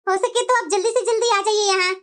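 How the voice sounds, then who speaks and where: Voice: very high-pitched, fairly even intonation, fairly quick, a bit bright. A woman doing a cheerful older mother-in-law. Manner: respectful, cheerful. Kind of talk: cartoon voice acting.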